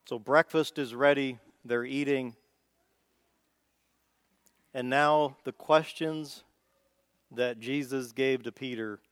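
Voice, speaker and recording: Midwest guy giving a laid-back sermon, clear smooth voice, no room echo. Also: mid-range voice, fairly even intonation, slow, long pauses. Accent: Midwestern American. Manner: folksy, conversational, thinking aloud with small restarts. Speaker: preacher. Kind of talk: informal sermon.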